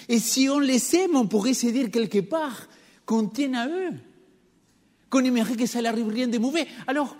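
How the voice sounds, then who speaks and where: A man's voice: very high-pitched, darkish tone. A man with a noticeable accent preaching a sermon to his congregation in a church, engaging listeners with rhetorical questions. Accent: non-native French accent. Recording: long reverb of a church hall.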